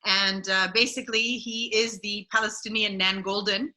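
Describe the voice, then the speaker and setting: A woman photographer and mentor speaking on a video-call panel, animated and repeating words as she goes. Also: mid-range voice, normal speed, rough recording.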